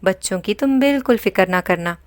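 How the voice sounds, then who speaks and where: A woman voicing a calm, helpful co-wife in a storybook tale. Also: mid-range voice, no echo, close to an everyday voice.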